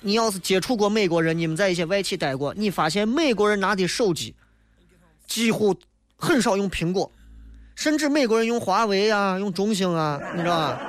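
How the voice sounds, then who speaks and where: A man's voice: high-pitched, lively intonation, a little fast. A man with a Shaanxi dialect accent hosting a comic talk radio show, delivering a wry, joking monologue that mocks common misconceptions. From Shaanxi, China.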